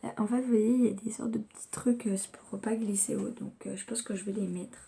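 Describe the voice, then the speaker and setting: A woman's voice: medium pitch, steady tone, fairly quick, vocal fry, dark tone. A young woman chatting casually as she unboxes gifts in a home vlog, rambling with lots of fillers. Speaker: vlogger.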